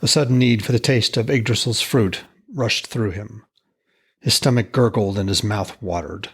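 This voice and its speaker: A man narrating a scripted tale, gravely telling ancient myth. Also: on the low side, normal speed, a bit bright. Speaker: podcast narrator.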